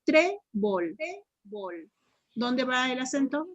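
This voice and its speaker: Mexican lady teacher doing grammar drills, kinda high voice, dry close sound, stretches words out slow. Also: no room sound, highs cut off. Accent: Mexican Spanish. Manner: drills students, repeats answers, stretches words slowly syllable by syllable. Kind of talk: online grammar tutoring.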